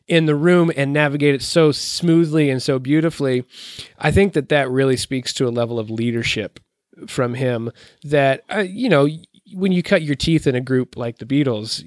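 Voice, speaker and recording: Guy cohosting a music podcast, excited and rambly, mid voice, dry close mic. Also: medium pitch, no room sound. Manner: enthusiastic, rambling. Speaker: podcast co-host. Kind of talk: casual chat.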